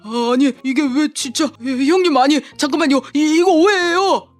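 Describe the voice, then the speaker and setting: A man playing a shrill cowardly young scammer. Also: a little fast, soft background music. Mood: groveling. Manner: stammering, swings from taunting to groveling. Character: petty young male scammer, hotheaded bully turned coward. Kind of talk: audio drama acting.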